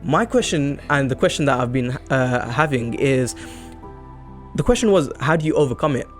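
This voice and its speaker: A man's voice: medium pitch, expressive, moderate pace, soft background music. A man hosting a casual podcast chat, talking earnestly and often restarting his sentences. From England. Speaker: podcast host.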